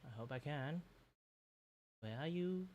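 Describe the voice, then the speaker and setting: Casual streamer host, mid pitch, rambling think-aloud chat with muttered asides. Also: animated, unhurried, a little mellow, lo-fi sound. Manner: rambling, muttering to self while working. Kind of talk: casual livestream chat while working.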